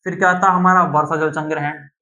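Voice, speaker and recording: A teacher from Uttar Pradesh, India, delivers a classroom lecture, returning to key terms and fielding his own questions. His voice is on the high side, pushed and bright, with fairly even intonation and a fast pace. Sound quality is dull lo-fi.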